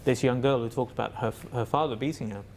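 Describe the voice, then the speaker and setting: Male facilitator, interview guest, mid-pitched and a bit gravelly, hesitant and reflective. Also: fairly even intonation, fast talker, a little mellow, slight background noise. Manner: thoughtful, hesitant, many fillers and restarts. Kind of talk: reflective conversational answer.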